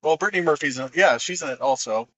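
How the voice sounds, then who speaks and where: A man's voice: a little high, fast, a bit bright, muffled recording. A man hosting a podcast in casual chat, rambling with many fillers and acting out movie quotes. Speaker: podcast host.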